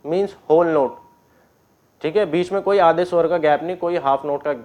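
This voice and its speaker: A man teaching an online keyboard class, explaining step by step, often clearing his throat and checking that students follow. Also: on the high side, moderate pace, a little mellow. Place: indoors with keyboard and board.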